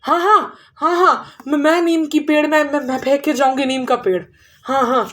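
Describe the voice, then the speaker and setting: A woman's voice: high-pitched, expressive, unhurried. A woman voicing a female witch who posed as a wife, stammering and pleading in a panic. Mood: begging.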